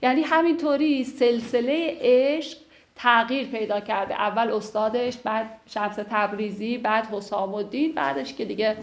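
A woman teaching classical poetry, explaining the lines in a chatty way and reciting the verses slowly and with care. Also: fairly high pitch. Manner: slow, measured recitation of verse, lively conversational explanation.

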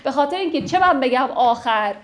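A woman with a somewhat high voice teaches a class on classical poetry. She explains each verse patiently and slips in light jokes. She slows down to recite the lines. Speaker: literature teacher.

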